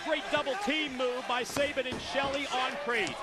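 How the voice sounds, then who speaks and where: A man calling live wrestling play-by-play in an excited, emphatic commentary style. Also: very high-pitched, moderate pace. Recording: loud crowd and music behind. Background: arena crowd and music.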